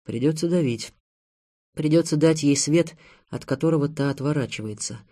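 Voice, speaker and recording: A man reading an audiobook, voicing a fanatical woman who preaches that good needs evil, in an intense manner that rises to loud declarations. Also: a little high, normal speed. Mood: fervent preaching.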